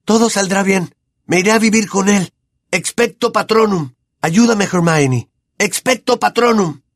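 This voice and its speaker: A man with a Latin American accent voicing a brave, desperate teenage boy wizard in an audiobook, calling out in urgent shouts. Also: sits high, normal speed, no room sound, studio quality, voice pushed up. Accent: Latin American Spanish.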